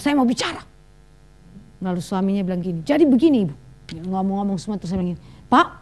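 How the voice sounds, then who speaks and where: A woman preacher, giving a sermon full of stories, lively asides and laughter. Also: mid-range voice.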